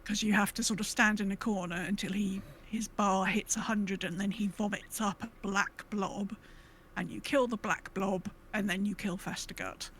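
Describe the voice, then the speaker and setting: With a mid-range voice at normal speed and a little background noise, a woman co-hosts a gaming podcast. Her casual talk rambles, she keeps interrupting herself, and she retells events vividly, quoting asides along the way.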